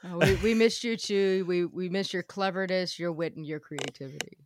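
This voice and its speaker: A woman chatting casually with friends, animated and laughing, with quick restarts. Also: lowish voice, slight background noise. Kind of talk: casual chat.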